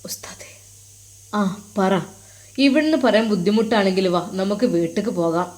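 A woman voicing a kindly, affectionate old male religious teacher who coaxes and questions gently. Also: medium pitch, expressive, brisk, natural voice. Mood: coaxing. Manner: coaxing, tender, questioning. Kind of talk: storytelling.

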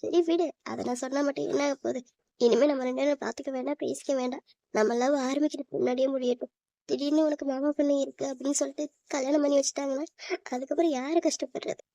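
A woman's voice: sits high, steady tone, quick pace, gravelly, mellow, no room sound. Woman voicing a lovesick tearful young woman. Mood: hurt. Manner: plaintive, sulky and hurt. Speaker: voice actor. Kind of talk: cartoon voice acting.

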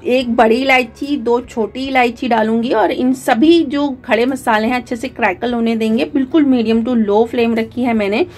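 A woman narrates a recipe as a channel host, her voice sitting a little high. She talks through each step calmly, pausing on fillers and mixing words into her speech. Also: faint music behind. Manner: calm step-by-step instruction with frequent fillers.

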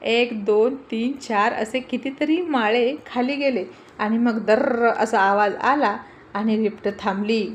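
A woman's voice: a little high, fairly even intonation, takes it slowly. Woman narrating a storybook tale.

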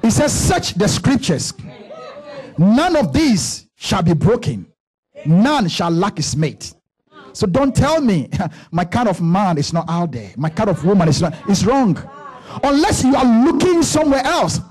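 A pastor in his thirties preaching a sermon on a church stage into a handheld mic, building to shouts with rhythmic repetition. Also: high voice, big pitch swings, measured pace, slightly rough, some chatter behind. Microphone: handheld microphone.

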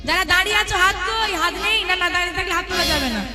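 A woman's voice: very high voice, fast, loud music behind the voice. A woman kirtan singer leading a large crowd, teasing and coaxing them between sung chants. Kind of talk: devotional kirtan with crowd talk. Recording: loud tabla and instruments behind.

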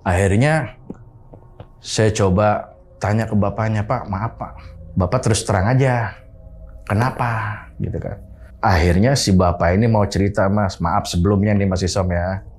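A man's voice: fairly low pitch, moderate pace. Man telling a ghost story. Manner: animated retelling, acting out quoted dialogue. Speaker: boarding house caretaker telling a horror story. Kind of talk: casual storytelling to an interviewer.

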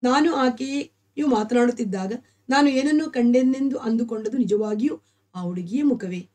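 Mellow-voiced woman reading a story aloud. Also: fairly high pitch, moderate pace.

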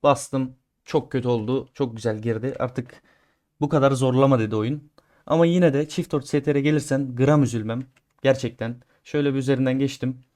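A man streaming a game and talking his viewers through each try in a casual, chatty way. He grumbles when things go wrong and cheers loudly when they go right. His voice sits in an ordinary middle pitch. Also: steady tone, a little fast. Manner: chatty, talks to viewers as he plays; swings between grumbling and loud cheering. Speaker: gaming streamer. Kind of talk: casual gameplay commentary.

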